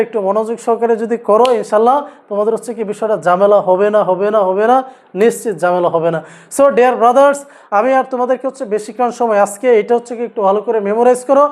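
A man teaching an English grammar lesson, asking students repeated rhetorical questions as he drills each rule. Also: high-pitched. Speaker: English tutor.

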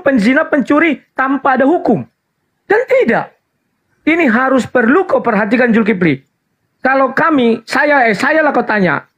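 A man's voice: extremely high pitch, a bit bright. A man in a heated religious debate over an online call, insisting on taking turns and explaining his position. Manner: insistent, keeps demanding turns to speak. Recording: slightly muffled call audio.

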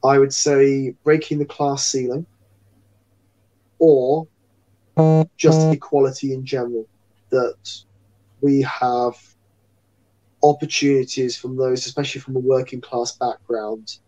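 A man's voice: medium pitch, level tone, measured pace, pauses often, dark tone, low-quality recording. A man entertainer chatting as an interview guest, a rambling, talkative storyteller. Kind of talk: casual interview chat.

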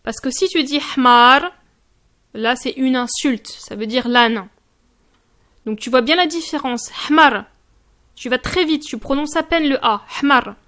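A woman with a high voice gives a friendly, informal pronunciation lesson and speaks straight to the viewer. She takes her time and repeats each word slowly and carefully so the difference comes through. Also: a bit bright. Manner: slow, careful drilling of words with repeated examples. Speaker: Moroccan Arabic teacher and blog host.

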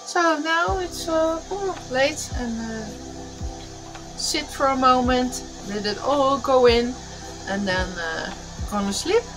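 A woman's voice: high voice, animated, slow pace, rough recording. A woman in her forties chatting casually for a sailing vlog on a boat, hesitant and full of fillers. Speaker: sailing vlogger. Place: on a sailboat, indoors. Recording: loud music over the voice.

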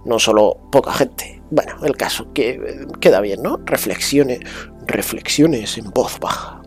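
A man from muses aloud, full of restarts and little fillers. He drifts between a hushed murmur and a brighter, livelier tone. Faint music plays underneath. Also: medium pitch, measured pace. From Spain. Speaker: vlogger. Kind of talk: rambling casual monologue.

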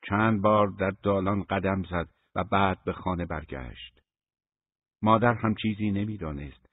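A man reading a novel aloud as an audiobook narrator, with a measured, even storytelling delivery. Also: deep voice, breathy edge, no echo. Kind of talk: scripted narration. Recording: thin phone-like dry recording.

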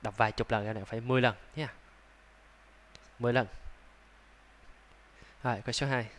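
A man with a Vietnamese accent teaching English pronunciation, sounding out words slowly, repeating them and adding chatty asides. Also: medium pitch, steady tone, slight background noise. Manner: breaks into soft laughs and chatty asides. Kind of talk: slow, drawn-out pronunciation lesson.

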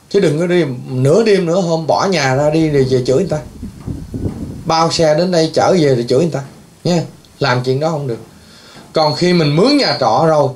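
A male priest with a high-pitched voice. He rambles, scolds and lectures his listeners, often breaking into exclamations. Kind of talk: scolding talk to patients.

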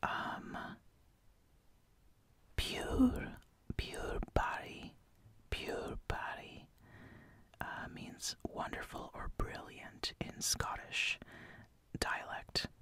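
Whispering without voice and with lots of breath, an ASMR host gently walks through slang terms, pausing hesitantly and repeating words.

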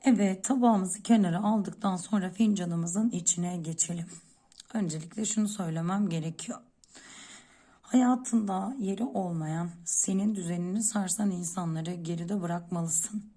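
Mellow-voiced woman fortune teller. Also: on the low side, normal speed. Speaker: fortune teller reading coffee cups. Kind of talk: coffee-cup fortune telling, unscripted, addressing one listener.

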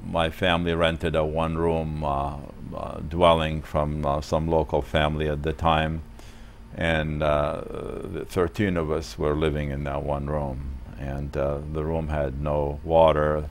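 A man in his sixties from Palestine sits for a studio interview. His voice sits very low, and he speaks in a measured way, pausing often with fillers. A faint hiss runs under the lapel mic. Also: little pitch movement. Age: 60s. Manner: measured, many hesitations. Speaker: guest.

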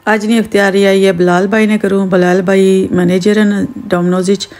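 A woman's voice: medium pitch, flat delivery, brisk, a little mellow, dry recording. A Pakistani woman chatting casually and expressively as she vlogs about her day in a homely way. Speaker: vlogger. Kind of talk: casual vlog chat. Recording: noisy phone vlog with vehicle sounds.

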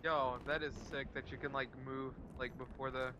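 A man's voice: mid-range voice, level tone, normal speed, bright, forceful tone, slight background noise. A young man in casual gaming chat, matter-of-fact, talking on a headset. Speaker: gamer in party chat.

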